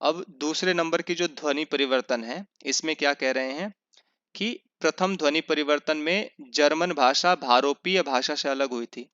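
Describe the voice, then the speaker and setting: Male teacher for an online revision class, with a crisp, forceful voice and a dry, close sound; he asks and answers his own questions and spells out the examples slowly. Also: on the high side, no room sound. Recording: dull lo-fi sound.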